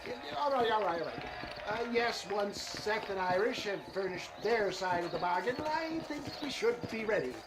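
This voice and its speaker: A man's voice: high-pitched, lively intonation, normal speed. Pompous showman con artist. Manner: pompous, theatrical. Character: pompous male con man, showy and smooth.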